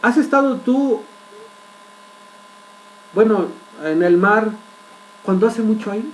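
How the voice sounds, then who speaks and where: Man, high voice, preacher, sermon, rhetorical questions, dramatic storytelling. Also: expressive, slight background noise, poor audio. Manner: asks the congregation frequent rhetorical questions; vivid storytelling with dramatic pauses.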